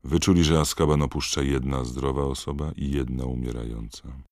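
A man voicing a young male prisoner who speaks in a dead, emotionless monotone. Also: very deep voice, moderate pace, no echo, studio quality. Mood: flat. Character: young male prisoner under a truth potion.

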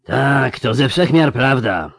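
A man voicing a thoughtful male pilgrim who speaks in a measured, probing way. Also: medium pitch, lively intonation, vocal fry, no echo, clean studio sound, voice pushed up.

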